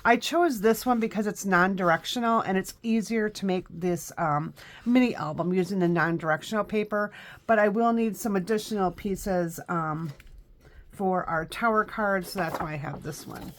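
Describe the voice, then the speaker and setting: A craft instructor in her fifties, a bit sniffly with allergies, chats through a live tutorial indoors in her home craft room. Her mid-range voice moves at a moderate pace, and she gives step-by-step instructions with plenty of ums and uhs.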